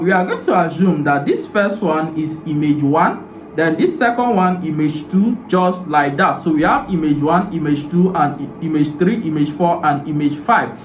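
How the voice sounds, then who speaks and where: A man talks through a screen tutorial one step at a time, leaning on "so" and "now". His voice sits a little high for a man. The recording has a roomy echo and a faint hum of background noise. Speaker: tutorial host.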